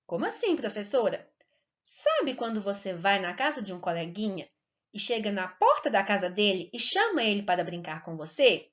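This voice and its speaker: Woman teacher for kids' video lessons: bright sing-song delivery, deliberate syllable stretching, muffled low-fi sound. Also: big pitch swings. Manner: slow, clear and sing-song, stretching words to stress syllables. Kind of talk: recorded lesson for children. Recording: dull lo-fi recording.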